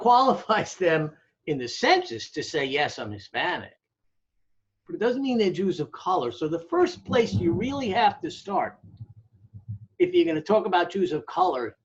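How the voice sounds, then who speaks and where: This American academic, a demographer being interviewed, has a fairly high voice with big pitch swings, a measured pace and frequent pauses. His explanations are emphatic and didactic, peppered with check-ins and rhetorical questions. The recording sounds dull and lo-fi.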